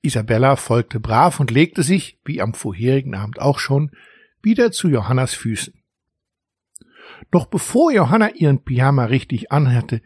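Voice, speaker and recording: A man calmly narrating a children's story as an audiobook reader. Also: mid-range voice, breathy edge, no room sound, clean studio sound.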